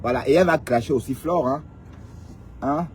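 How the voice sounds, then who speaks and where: A man's voice: mid-range voice, moderate pace, a little mellow, a little hiss or hum. A man, commenting on online drama in a casual way, speaking straight to his viewers and often asking a rhetorical "hein?". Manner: rhetorical, peppers talk with questioning "hein?". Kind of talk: casual live commentary on social media drama.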